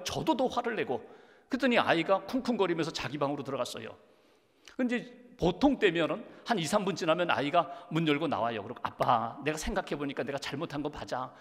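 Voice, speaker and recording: A middle-aged male pastor delivering an earnest sermon, sharing a family story with emotional swells. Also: sits high. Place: church sanctuary. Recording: long church reverb.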